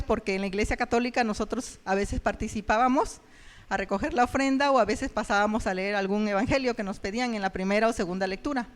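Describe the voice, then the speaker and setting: A woman giving a personal testimony in church, telling her story earnestly and haltingly with many fillers. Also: fairly high pitch, smooth. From Mexico.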